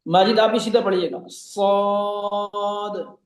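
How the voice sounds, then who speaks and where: A man teaching Arabic letter sounds on a video call, patiently stretching out model syllables and then giving quick corrections. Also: high voice, a little mellow, roomy sound. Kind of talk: online pronunciation lesson.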